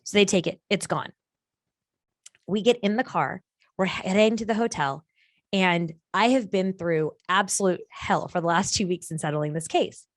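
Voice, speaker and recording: A woman telling a story on a video-call podcast, her voice jumping high whenever she acts out what others said. The recording is dry and close, with no room sound. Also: moderate pace, no room sound. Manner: lively, acts out quoted people with big pitch jumps. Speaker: guest. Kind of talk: animated storytelling in a podcast chat.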